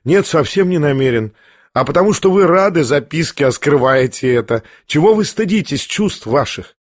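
A man's voice: a little high, expressive, moderate pace, dry recording, studio quality. A man reading a mild, earnest young prince. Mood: gentle.

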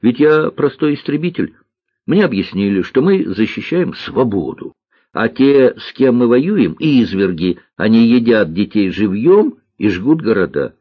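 A man with a husky voice voicing an earnest, sad young boy pilot in an audiobook story. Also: medium pitch, very animated, unhurried, no room sound, pitched above the performer's own voice. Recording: dull lo-fi dry recording.

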